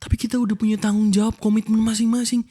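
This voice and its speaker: A man's voice: sits high, level tone, fast, dark tone. A young Indonesian man in a whispered role-play as a husband, scolding his wife with hurt reproach.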